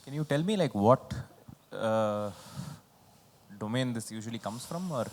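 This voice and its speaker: A man taking part in a quiz, asking questions and guessing in a hesitant, halting way. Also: medium pitch, expressive, a little mellow. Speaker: quiz contestant. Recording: echoey, long reverb.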